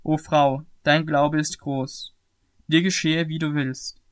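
A calm, authoritative teacher, measured and earnest, as a man reads him aloud. The voice sits a little higher than usual for a man. It sounds like scripted scripture reading. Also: clear, resonant tone.

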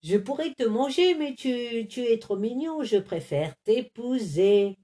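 A woman voicing a big flirtatious female yeti in a storybook reading, cooing her words slowly and sweetly. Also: on the high side, lively intonation, dark tone, voice pushed up. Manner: cooing, coaxing.

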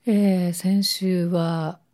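A woman hosts a casual radio talk in a fairly low, very mellow voice. It is hoarse, with a smoker's rasp from a lingering cold. Her phrasing is polite and unhurried by formality. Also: level tone. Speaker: radio show host.

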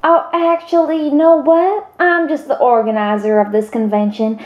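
A woman voicing a scheming young female superhero who bluffs quickly and chats in a hurried way. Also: high-pitched, flat delivery, echoey room, muffled recording, natural voice. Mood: eager. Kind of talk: amateur audio drama acting.

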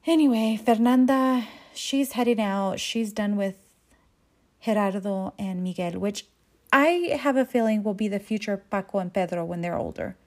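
Recapping a telenovela episode, this host talks casually, swears freely, and acts out the characters' lines with big leaps in her voice. Her pitch is medium, her pace moderate, and her tone slightly mellow.

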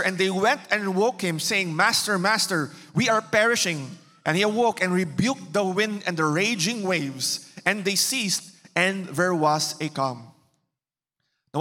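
A man's voice: high voice, pushed and bright. A man with a Cebuano Filipino accent preaching a sermon to a church, switching between English and Bisaya and asking the congregation rhetorical questions. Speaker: pastor. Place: church hall. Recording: reverberant church hall.

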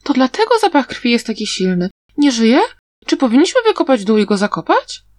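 A woman reading a sly young girl who fakes blindness, in a high, wheedling tone. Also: sing-song, a little fast, a little mellow, no echo. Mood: coaxing.

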